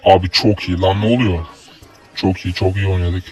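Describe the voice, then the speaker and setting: A young man with a Turkish accent talks through his gameplay in a fairly low voice, swearing freely. He breaks into loud, high yells when opponents hit him. Faint game music plays underneath. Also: fairly even intonation, moderate pace. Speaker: gaming YouTuber. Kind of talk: live gameplay commentary.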